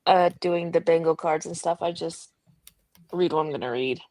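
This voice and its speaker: Relaxed, chatty woman with a low, dry voice. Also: normal speed, dry recording, rough recording. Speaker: sprint host on a reading livestream. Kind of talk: casual chat. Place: at home with her dog.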